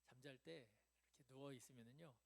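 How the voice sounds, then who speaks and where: A man's voice: medium pitch, brisk, creaky. A man preaching a midweek sermon in a church, conversational, asking the congregation questions and answering them himself. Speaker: pastor. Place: church sanctuary.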